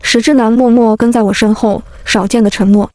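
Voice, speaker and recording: Lively woman telling a comic story. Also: fairly high pitch, fairly quick, dry recording. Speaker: narrator. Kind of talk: first-person storytelling.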